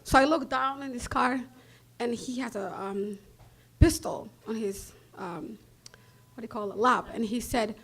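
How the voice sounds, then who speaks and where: A woman from Somalia with a Somali accent, telling a personal story on stage in a blunt, animated way and laughing often between lines. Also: a little high, measured pace, breathy edge.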